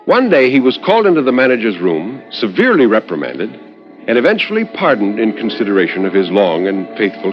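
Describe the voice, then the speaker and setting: This is the narrator of a radio horror anthology, a man reading a short story like a 1950s radio storyteller, captured on a dull, old-sounding recording. He speaks in measured, literary phrases, his pitch ranging widely and expressively. Words are stretched out and dramatic pauses are left hanging.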